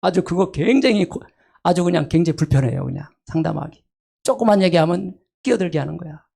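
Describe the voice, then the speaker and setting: A middle-aged man leads a sermon as pastor, his voice carrying a rough, gravelly texture. He talks straight to the congregation, tossing in short questions to keep them with him. Now and then he breaks into loud acted calls, then pulls back to low asides. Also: expressive, brisk. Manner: asks the congregation short checks like "eh?" and "right?".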